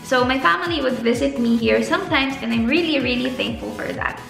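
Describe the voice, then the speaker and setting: A young Filipino woman talks fairly quickly in a high, gravelly, slightly bright voice with a Filipino accent. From the Philippines and a graduate student, she shares casual yet earnest vlog advice, stretching out words to emphasize them. Faint music sounds in the echoey room.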